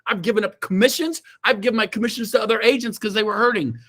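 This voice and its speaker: Middle-aged guy pumping up his team on a zoom call, high voice, goes from yelling to muttering. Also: fast. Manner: fired-up, emphatic, swings from shouts to low asides. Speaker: real estate team leader. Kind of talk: motivational coaching talk. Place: indoors, own room on a Zoom call. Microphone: video call.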